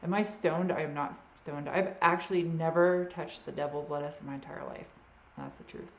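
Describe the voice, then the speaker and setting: This live Q&A host has a deep, steady voice at normal speed and a hint of a Boston accent. The sound is reverberant with highs cut off, and she answers viewers casually, unsure and rambling, often letting sentences trail off.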